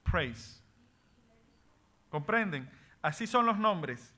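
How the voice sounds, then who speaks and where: A man's voice: fairly high pitch, sing-song, very slow, sharp tone. A man teaching a Bible study class, reading scripture aloud and explaining what names mean while asking the class questions. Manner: switches between Spanish and English words.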